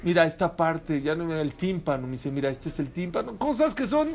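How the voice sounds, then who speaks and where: A man's voice: fairly high pitch, fairly quick, a little hiss or hum. A man preaching a sermon as a rabbi, telling stories and asking rhetorical questions with animation.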